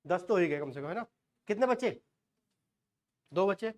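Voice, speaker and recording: A man's voice: sits high, lively intonation, normal speed, a little mellow, muffled recording. A man in his forties teaching shorthand, quizzing the class and answering his own questions, with folksy asides. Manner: homely asides and jokes. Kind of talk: classroom lecture.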